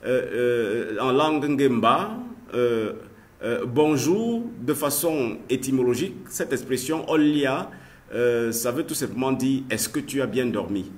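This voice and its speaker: Man, language teacher, very slow, hesitant, lots of fillers, vernacular words called out louder. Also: medium pitch, expressive. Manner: hesitant, with frequent "euh" fillers and repeated words. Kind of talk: recorded language lesson.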